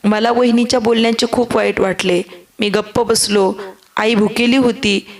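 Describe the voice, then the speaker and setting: A woman narrating a family story in the first person, with an earnest, steady manner. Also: fairly high pitch, moderate pace.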